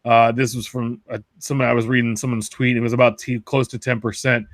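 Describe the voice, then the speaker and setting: A man's voice: medium pitch, little pitch movement, fairly quick, no echo. A man co-hosting a casual podcast chat, rambling and correcting himself as he tells stories and jokes. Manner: rambling, self-correcting, jokey. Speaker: podcast co-host.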